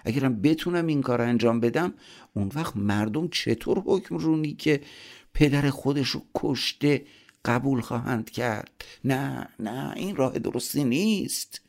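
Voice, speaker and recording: A man's voice: extremely low pitch, wildly swooping pitch, darkish tone, exaggerated voice. A man voicing an impatient, wavering young prince in an audiobook story. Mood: anxious. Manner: anxious, eager.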